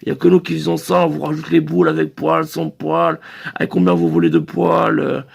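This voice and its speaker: A man's voice: a little high, little pitch movement, brisk, gravelly, slightly rough. A man performing a comic phone-sketch monologue as a sex-shop receptionist, rambling through crude sales patter full of hesitations.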